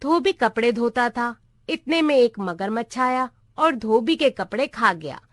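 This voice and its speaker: A woman reading a story voices a dozy, hard-of-hearing old male clerk at a government counter who gets every word he hears wrong. Her voice is high, slow, expressive and fairly bright as she plays him confused and muddled, repeating things incorrectly. The recording is close and dry, with no room sound.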